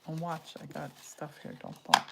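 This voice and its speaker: A woman's voice: low voice, very animated, moderate pace, vocal fry, very noisy. A woman in her sixties chatting casually and rambling while crafting during a livestream from her home studio. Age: 60s. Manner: chatty, rambling, self-interrupting. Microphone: livestream device mic.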